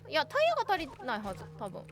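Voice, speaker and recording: Chatty Kansai woman streamer, high voice. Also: huge pitch swings, very fast. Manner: chatty, thinks aloud, thanks viewers. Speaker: game streamer. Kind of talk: casual live-stream chat. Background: game music.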